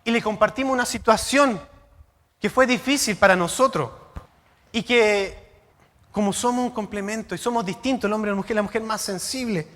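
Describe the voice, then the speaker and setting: Male pastor, high voice, sermon in a reverberant church hall, rhetorical questions. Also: moderate pace. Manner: rhetorical questions, shifting between loud and quiet.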